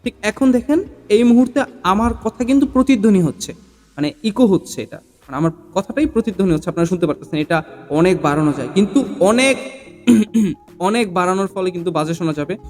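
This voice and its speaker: A man with a fairly high voice speaks through a sound-card echo effect that repeats his words. He talks in a casual, hesitant demonstration style with drawn-out fillers, and faint music plays underneath. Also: a little mellow. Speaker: tech tutorial presenter.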